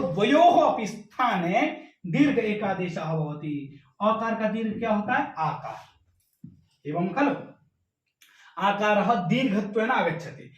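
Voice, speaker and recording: A man with a high voice explains grammar step by step. He poses questions and answers them, and slows down to recite rules syllable by syllable. He sits some way off the mic in an echoey room. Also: distant mic, lo-fi sound. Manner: asks and answers his own questions. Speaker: Sanskrit grammar teacher.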